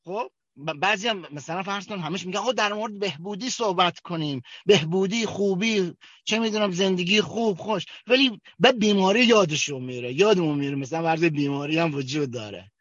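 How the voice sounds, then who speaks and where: A man from Kerman with a Kermani accent tells his recovery story at a group meeting, halting often with fillers and restarts. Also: high voice, fairly bright tone, dry recording. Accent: Kermani Persian. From Kerman, Iran. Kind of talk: personal testimony at a recovery meeting. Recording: dull, dry recording.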